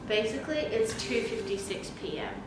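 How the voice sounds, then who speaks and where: A woman's voice: on the high side, very animated, normal speed. A woman vlogger chatting casually, sounding emotionally drained and down on herself. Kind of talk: casual vlog chat. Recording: very echoey room, loud ambient noise.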